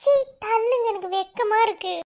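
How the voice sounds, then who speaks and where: A woman's voice: very high voice, moderate pace, noisy background. A woman voicing a shy young village wife in a cartoon, with a Madurai accent, coy and bashful. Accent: Madurai Tamil.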